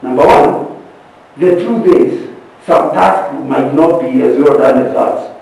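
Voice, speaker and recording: A man's voice: mid-range voice, takes it slowly, creaky, a little mellow. A man leading a group session on leadership, stressing his points by repeating them and checking in with the class. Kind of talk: interactive teaching session. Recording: echoey room, distant from the mic.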